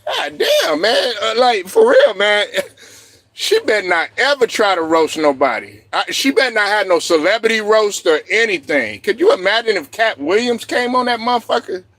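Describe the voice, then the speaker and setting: Loud, high-voiced ranting male streamer. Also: very animated, moderate pace, no room sound. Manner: loud, profane, laughing ranting. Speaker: streamer host. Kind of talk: livestream rant.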